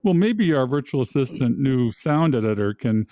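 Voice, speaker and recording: A man's voice: medium pitch, very animated, moderate pace, mellow, no echo. Man hosting a podcast, slightly dull sound. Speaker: podcast host. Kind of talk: scripted podcast introduction and hosting.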